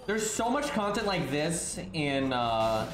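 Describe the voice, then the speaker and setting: A man's voice: on the high side, sing-song, takes it slowly, reverberant, music in the background, poor audio. A congested, sniffly man breathing through his mouth, giving rambling, casual game stream commentary to his viewers. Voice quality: congested, stuffy-nosed.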